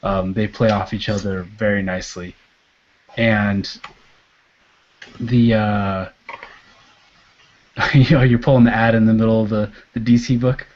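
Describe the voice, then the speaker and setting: Easygoing guy on a comics podcast, lots of ums, trails off soft, kinda muffled lo-fi. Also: fairly low pitch, fairly even intonation, a little slow, long pauses. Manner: laid-back, hesitant, many fillers, trails off quietly. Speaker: podcast co-host. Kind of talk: casual chat. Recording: dull lo-fi podcast audio.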